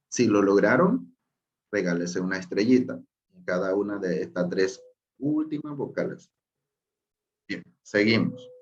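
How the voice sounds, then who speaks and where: A man's voice: fairly low pitch, muffled recording. A man teaching a language lesson, patiently explaining pronunciation, repeating key points and checking in with his listeners.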